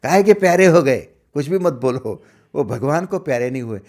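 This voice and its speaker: A middle-aged man giving a spiritual discourse as a teacher, asking rhetorical questions and swinging between loud emphasis and hushed asides. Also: fairly high pitch, animated, moderate pace.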